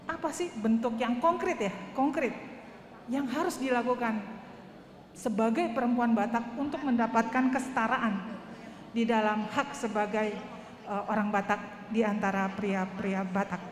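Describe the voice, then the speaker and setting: A woman's voice: on the high side, fairly even intonation, moderate pace. Earnest woman asking in an echoey hall. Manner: earnest, hesitant with many fillers. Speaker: audience member asking a question. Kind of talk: question from the floor at a talk. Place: church hall. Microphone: handheld wireless mic. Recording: echoey hall with long reverb.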